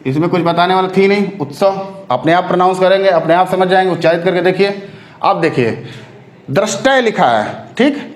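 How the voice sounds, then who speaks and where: A man teaching an exam-prep spelling lesson, drawing words out slowly and often asking if students follow. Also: high voice, echoey room. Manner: repeats words slowly to drill pronunciation; keeps checking if students follow.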